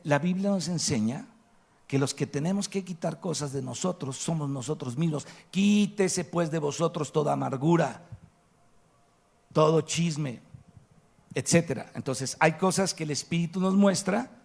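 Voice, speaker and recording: A man's voice: on the high side, gravelly, a little mellow, breathy edge. A man with a Mexican Spanish accent preaching a sermon to his congregation, emphatic and asking rhetorical questions. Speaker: pastor. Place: church hall.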